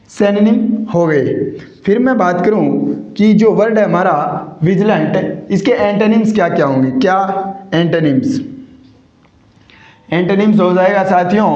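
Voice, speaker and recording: Indian guy teaching vocab, high voice, asks q's then answers them, echoey muffled room. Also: a little mellow. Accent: Hindi. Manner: repeats each word several times; keeps addressing listeners as "companions". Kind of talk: classroom vocabulary lesson. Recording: echoey, dull lo-fi room recording.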